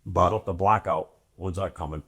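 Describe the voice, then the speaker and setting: Low-voiced teasing man. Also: fairly even intonation, a bit bright, breathy edge. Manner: teasing, quick questions. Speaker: co-host. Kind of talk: casual chat.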